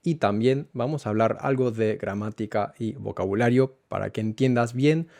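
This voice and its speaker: A man teaching a Spanish lesson, going slowly and repeating words so learners can follow. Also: fairly low pitch, creaky, a little mellow, no echo, clean studio sound. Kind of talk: language lesson.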